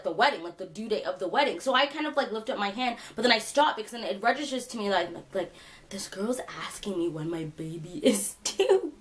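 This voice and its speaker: A young woman vlogger telling a funny story in casual chat, animated and laughing, with lots of fillers. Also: mid-range voice.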